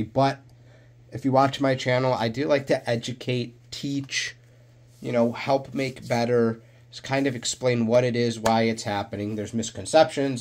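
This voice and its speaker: A man with a nasal voice from a cold he is getting over, hosting an educational reptile rescue vlog and talking straight to his viewers with animated bursts of emphasis. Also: medium pitch. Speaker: reptile rescue channel host.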